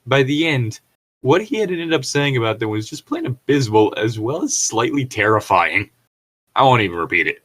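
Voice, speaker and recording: A podcast co-host, a man with a mid-range voice, reads aloud at a moderate pace while adding casual, joking commentary. He rambles and nitpicks as he thinks out loud, and his delivery is expressive.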